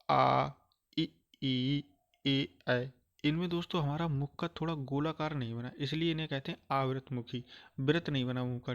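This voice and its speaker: A man teaching a grammar lesson, repeating phrases patiently and slowly sounding out each vowel for his listeners. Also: a little high. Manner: repetitive, calls listeners "friends", checks understanding often.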